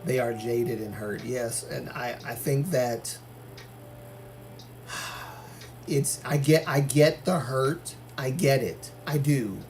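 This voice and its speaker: Reading through viewer comments on his livestream, a man from Algeria gives his opinions in a casual, filler-filled way, frequently restarting. He speaks slowly in a mid-range, darkish voice with long pauses, over slight hiss or hum.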